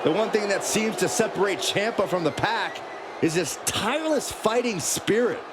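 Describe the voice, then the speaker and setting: A man's voice: sits high, expressive, normal speed. A man working as a wrestling commentator, calling moves during a match. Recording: noisy, roaring arena crowd behind.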